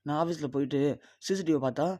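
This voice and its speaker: A man voicing a young husband who calmly pleads with his elder sister, in his own voice. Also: a little high, fast talker, no echo, natural voice. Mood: reasoning. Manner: pleading, reasonable. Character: young husband, calm and doubting.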